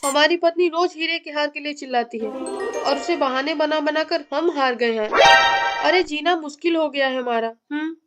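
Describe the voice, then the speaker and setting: A woman's voice: high-pitched, moderate pace, natural voice. A woman voicing a pompous, broke male police chief in a cartoon comedy, complaining in a self-pitying way. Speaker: cartoon character voice. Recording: loud music bed under voice.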